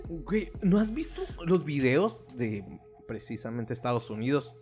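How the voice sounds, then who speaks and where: A man with a Mexican accent chatting on a podcast, telling lively stories full of slang and casual swearing. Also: medium pitch, normal speed, faint music behind. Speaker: podcast co-host.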